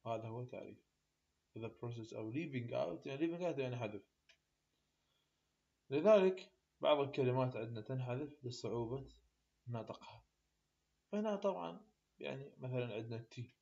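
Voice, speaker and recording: A man with an Iraqi Arabic accent tutoring university English, explaining sound changes and repeating example words slowly and deliberately. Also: medium pitch, lively intonation, gravelly, darkish tone. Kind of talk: explaining a linguistics lecture. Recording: slightly dull lo-fi recording.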